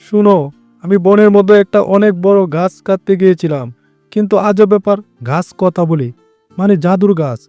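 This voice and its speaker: A man voicing a good-hearted poor woodcutter fox, a devoted husband, in an earnest, expressive cartoon style. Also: high-pitched, brisk, clear, resonant tone, no room sound, muffled recording, soft background music, natural voice. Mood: excited. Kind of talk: cartoon voice acting.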